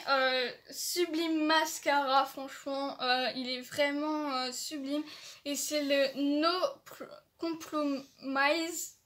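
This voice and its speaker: A woman's voice: high-pitched, pushed and bright, a little hiss or hum. A woman casually showing off beauty products from an advent calendar, hesitant, with many fillers and restarts, and enthusiastic about each item. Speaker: beauty vlogger.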